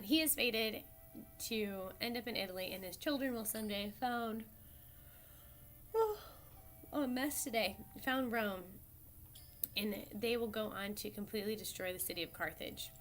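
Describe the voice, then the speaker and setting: A woman teacher talks her class through an old epic in an easygoing, chatty way. Her voice sits at an ordinary middle pitch. She stops to fix her own words and throws questions out to the room. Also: a bit bright. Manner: casual, chatty, self-correcting storyteller. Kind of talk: classroom lecture.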